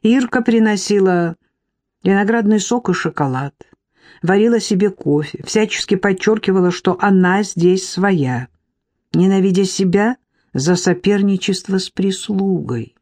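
A woman calmly narrating a novel as an audiobook, in a measured reading voice. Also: medium pitch, no echo.

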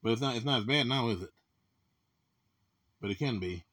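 A man talking with his mother in casual conversation, halting and full of restarts, asking the same questions again and again. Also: medium pitch, a bit bright. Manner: repetitive, keeps asking "you know what I meant?"; halting, many restarts and stammers.

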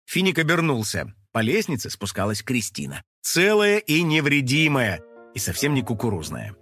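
A man narrating a children's audio story in an animated, scripted style. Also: medium pitch, moderate pace, soft background music.

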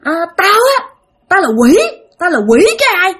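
A woman's voice: very high voice, animated, moderate pace, sharp tone, pitched above the performer's own voice, heavily acted. A woman voicing a demon possessing a small boy, whiny and defiant, repeating herself.

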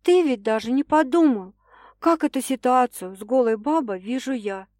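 A woman reads an audiobook in a high, darkish voice at a moderate pace, voicing a stubborn, teasing young woman who sounds indignant and insistent. The character voice is pitched above her own but close to an everyday voice, recorded at studio quality with no echo.

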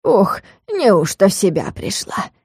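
A woman voicing a kindly old village grandmother who speaks slowly, soothingly and in a folksy way. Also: mid-range voice, big pitch swings, darkish tone, husky, no room sound, clean studio sound, heavily acted. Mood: fussing. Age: older.

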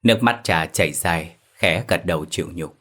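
Man, very low voice, horror audiobook narration, steady, measured. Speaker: storyteller.

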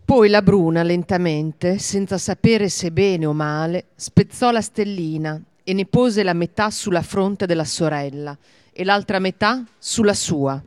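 A person reading the end of a fairy tale aloud, slowly and softly. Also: mid-range voice, clean tone, no room sound. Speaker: storyteller.

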